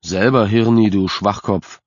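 A man's voice: low-pitched, brisk, darkish tone, dry recording. A man voicing a mocking seventeen-year-old boy in an audiobook. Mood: shouting. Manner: sarcastic, mocking. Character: sarcastic teenage boy, seventeen. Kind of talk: audiobook character voice. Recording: dry, slightly dull recording.

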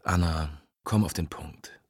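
A man voicing a gruff, curt police detective who grumbles at his caller, in an audiobook. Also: very deep voice, unhurried, no echo, studio quality, voice pushed down, exaggerated voice. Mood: brusque. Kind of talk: audiobook dialogue.

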